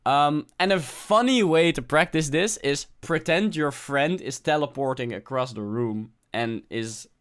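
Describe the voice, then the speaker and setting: A young man talking unscripted to camera, giving presentation tips in a relaxed, conversational way with many fillers and restarts. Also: on the high side, a little slow, hardly any pauses, clear, resonant tone. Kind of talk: unscripted casual talk to camera.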